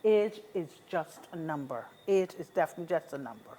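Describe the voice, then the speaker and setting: With a low-pitched, dark-toned voice, a Barbadian woman in her sixties talks fairly quickly and expressively. She's a seniors' advocate interviewed conversationally, giving encouraging advice with emphasis and repeating key phrases.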